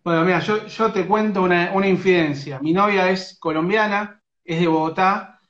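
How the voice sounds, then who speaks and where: Speaking at normal speed in a high-pitched, fairly bright voice, this man is a sports radio interviewer with a Rioplatense Argentine accent talking to a young footballer on a phone live stream. He hesitates constantly, restarting and filling pauses. The phone front camera in a small indoor room makes the sound muffled and roomy.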